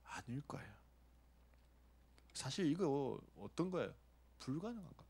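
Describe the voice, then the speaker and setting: A man's voice: medium pitch, sing-song, moderate pace, creaky, a little mellow, slightly rough. A man preaching a sermon, asking the congregation questions and acting out short lines of dialogue. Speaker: pastor.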